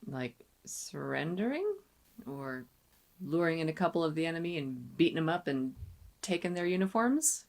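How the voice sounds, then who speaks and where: A woman's voice: deep voice, big pitch swings, normal speed, creaky, darkish tone. A woman giving casual movie reaction commentary, musing and making wry asides. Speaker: film reaction host. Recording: noisy, with clicks.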